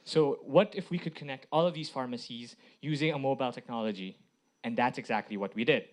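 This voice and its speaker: In his role as a presenting IT director, a man from the Philippines speaks at normal speed with a mid-range voice. His public talk comes in short phrases peppered with rhetorical questions.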